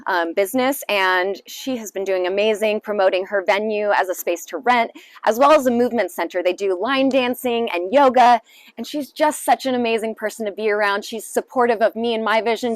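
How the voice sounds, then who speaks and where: This council candidate, a woman in her late twenties with a medium-pitched voice, answers a sit-down news interviewer with earnest optimism and lots of filler words. The audio has no echo but is of poor quality.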